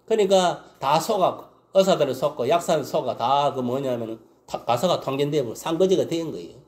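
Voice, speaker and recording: A male pastor preaching a Sunday sermon, with a fairly high voice that leaps and drops in a lively way. He peppers his preaching with questions like "understand?" and "right?", and he swings from loud exclamations down to low mutters. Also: fairly quick. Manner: keeps asking the congregation "understand?" and "right?".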